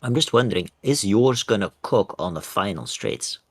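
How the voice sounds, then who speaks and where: Brief: joking male co-player, low and husky with a lively delivery. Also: normal speed, no room sound. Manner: joking, dry quips. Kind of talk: casual gameplay chat.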